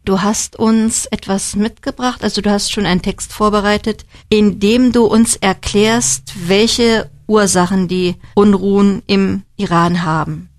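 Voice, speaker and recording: A woman's voice: medium pitch, fairly even intonation, measured pace, hardly any pauses. A woman hosting, interviewing a guest with friendly, guiding questions. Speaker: host.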